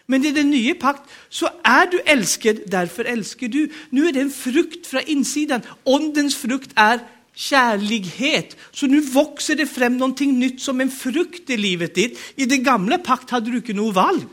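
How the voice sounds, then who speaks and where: A man's voice: very high voice, lively intonation, a bit bright. A man with a Norwegian accent preaching a sermon, emphatic and urging the congregation to respond.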